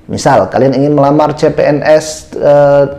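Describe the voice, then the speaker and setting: A man's voice: on the high side, normal speed, dark tone. A man giving a casual spoken lesson on job interview tips, talking straight to his viewers step by step with frequent "eh" fillers.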